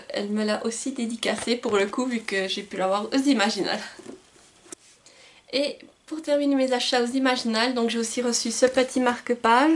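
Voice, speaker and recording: A woman book vlogger talking casually through her book haul, often stumbling and restarting words as she stammers. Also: a little high. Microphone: camcorder's built-in mic.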